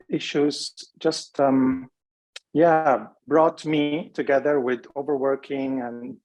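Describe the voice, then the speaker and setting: Thoughtful male interview guest, mid-pitch. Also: rough recording. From Lebanon, raised in Switzerland. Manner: measured, thoughtful, pauses to search for words. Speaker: guest, rehab center CEO. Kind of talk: reflective interview answers.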